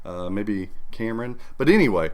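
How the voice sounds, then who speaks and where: A man's voice: fairly low pitch, expressive, normal speed, over a noisy crowd. A man co-hosting a pinball show, chatting casually and joking with his co-host. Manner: joking, playful banter. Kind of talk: casual chat.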